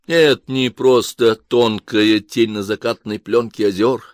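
A man's voice: lowish voice, fairly even intonation, slow, no room sound, studio quality. Man narrating an audiobook expressively.

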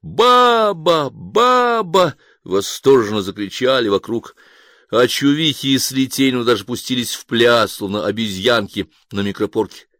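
A man narrating an audiobook in a lively, theatrical reading. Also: lowish voice, normal speed, no echo, studio quality.

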